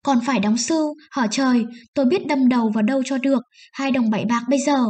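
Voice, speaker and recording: A woman's voice: a little high, moderate pace, darkish tone, natural voice. A woman voicing a poor, desperate peasant wife who pleads and sobs, raising her voice above her reading tone. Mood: sobbing. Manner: pleading, sobbing.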